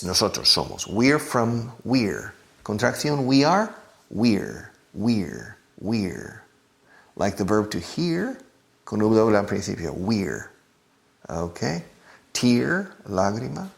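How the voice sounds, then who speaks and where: A man teaching a beginner English lesson, drilling pronunciation by repeating words slowly. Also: on the low side, creaky. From United States.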